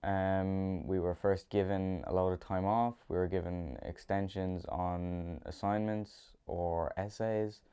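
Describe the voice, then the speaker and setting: Deep, clear-voiced male student, lo-fi. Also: fairly even intonation, takes it slowly, few pauses, dark tone. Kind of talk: documentary interview. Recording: dull lo-fi recording.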